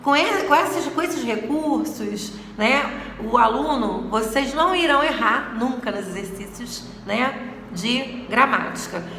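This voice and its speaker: A woman's voice: high-pitched, animated, a little slow, pushed and bright, a little hiss or hum. A woman from Brazil teaching a recorded lesson to young students, stretching out and repeating words to stress their syllables. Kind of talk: recorded video lesson for sixth graders. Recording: echoey room with long reverb.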